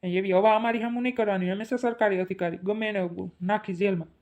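A woman's voice: medium pitch, steady tone, very fast, a little mellow, dull audio, natural voice. A woman voicing an impatient young male digger operator in a cartoon comedy, speaking in a brusque, self-important way with a Kathiawadi Gujarati accent. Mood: blustering.

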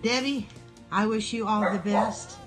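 A woman's voice: medium pitch, steady tone, a little slow, soft background music. A woman recording a playful home video message, teasing and encouraging.

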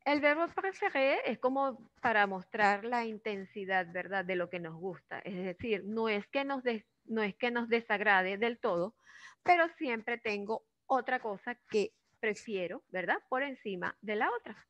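A woman with a Venezuelan accent teaching a French grammar lesson in Spanish, drawing out the French words slowly and often checking in with her students. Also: a little high, fairly bright tone, no echo. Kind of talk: classroom lesson explaining grammar. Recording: dull, dry lo-fi recording.

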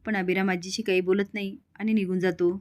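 A woman narrates a recap of a TV serial episode. She moves along at a quick, steady clip and reads each character's lines in the same plain voice she uses for the story. Her pitch sits in the ordinary middle range for a woman.

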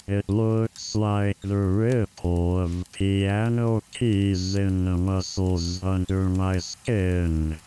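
Very slow, deep, smooth male reader. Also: warm tone, a little hiss or hum. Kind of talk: scripted reading of a personal essay.

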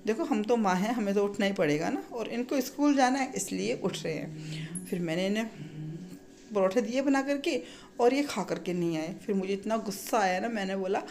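A woman in her thirties from India talks through her morning in a casual home vlog, recorded in her kitchen. She sounds a little strained from a sore throat. She rambles warmly and pads her sentences with small fillers. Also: medium pitch, moderate pace. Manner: chatty, frequent filler "ना". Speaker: vlogger and mother.

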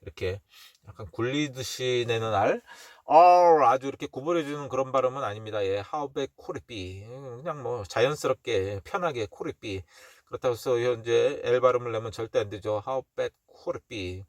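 A Korean-speaking man teaching English pronunciation, saying phrases slowly several times and then explaining them quickly and casually with small laughs. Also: mid-range voice, dry recording.

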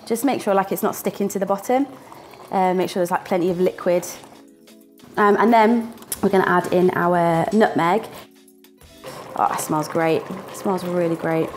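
In a small indoor kitchen, a young student presenter from northern England gives a casual cooking demo, joking around, laughing a lot and tossing in little sound words. She speaks at a normal speed in a lowish, darkish voice with fairly even intonation, and faint music plays behind her.

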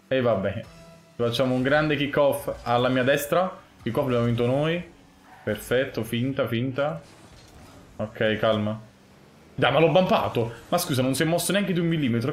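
A young man commentating his own gameplay live, muttering one moment and yelling the next. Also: mid-range voice, roomy sound. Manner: excitable, swings from muttering to yelling. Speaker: gaming streamer.

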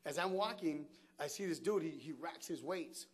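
A man's voice: on the high side, normal speed, breathy edge. A man telling his own life story in loose street slang, acting out what people said and laughing often. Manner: animated, acts out quotes, laughs often. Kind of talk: personal life story told to camera.

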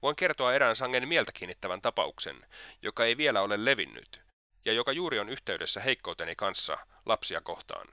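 A man's voice: on the low side, animated, pushed and bright, dry recording, clean studio sound. A man voicing Svidrigailov, a sly, mocking old libertine who is slightly drunk.

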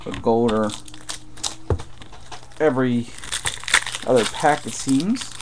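A man with a medium-pitched voice mutters slow play-by-play as he opens trading card packs during a live break, music playing behind him on a rough recording. He's the break host, working in a room with boxes on a desk, and faint wrapper crinkling can be heard.

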